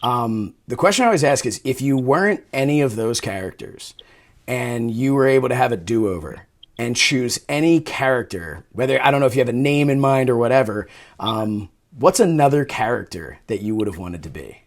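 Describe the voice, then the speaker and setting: A man's voice: medium pitch, lively intonation, moderate pace. A man hosting a show and interviewing a guest, earnest and hesitant, with fillers as he asks questions. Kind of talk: interview and scripted show outro.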